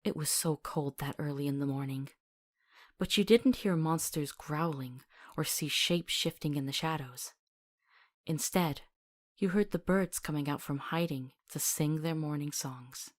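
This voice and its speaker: In a visual novel, a woman voices a monster hunter's companion who is compassionate, earnest and stubborn. She speaks unhurriedly in a deep voice, with a gentle, soothing mood.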